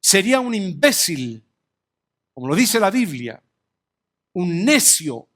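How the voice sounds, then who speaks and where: A man preaching a sermon slowly and emphatically, his voice rising and dropping sharply between phrases. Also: sits high, sing-song, fairly bright tone. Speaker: pastor.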